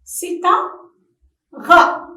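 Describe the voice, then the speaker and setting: High-voiced woman teaching very slowly. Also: sing-song. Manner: slow, deliberate, addresses young pupils warmly. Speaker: primary school French teacher. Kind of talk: slow televised classroom lesson. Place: classroom or studio for televised distance teaching. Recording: roomy echo, voice from a distance.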